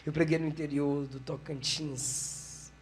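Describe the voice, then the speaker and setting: A man preaching a live sermon with a Brazilian Portuguese accent, telling stories with animated delivery. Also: on the high side, takes it slowly, slight background noise. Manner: animated storytelling, acting out voices. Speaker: pastor.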